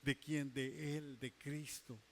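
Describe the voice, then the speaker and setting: A male pastor preaching a sermon, emphatic, stretching key words slowly and dropping into quiet asides. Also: mid-range voice, level tone, vocal fry, slight background noise.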